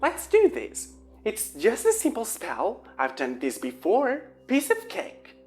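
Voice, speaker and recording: A woman voicing a dreamy, hot-tempered teenage girl witch in an audiobook, excitable and sarcastic. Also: rumbling low, exaggerated voice. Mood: excited. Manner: excitable and sarcastic, shifting to slow chanting for spells.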